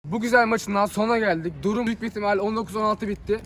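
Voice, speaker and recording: A young man with a high, fast voice hosts his channel from an outdoor neighborhood pitch. He talks in an upbeat, rallying way. Loud street noise runs under the recording. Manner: upbeat, rallying, quick-talking. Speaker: channel host. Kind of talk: casual outdoor vlog commentary.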